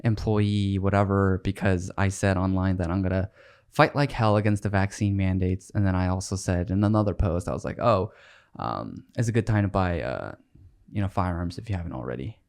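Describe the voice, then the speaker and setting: A man's voice: low voice, a little mellow, clean tone. A man in his twenties, born in Korea and raised in the United States, talking casually as a podcast guest, with frequent restarts. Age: 20s. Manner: chatty, quick restarts, laughs easily. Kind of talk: casual conversational interview.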